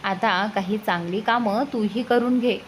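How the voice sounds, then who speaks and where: A woman's voice: mid-range voice, a little slow, a little hiss or hum, close to an everyday voice. Woman voicing a teasing young man. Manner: teasing, light.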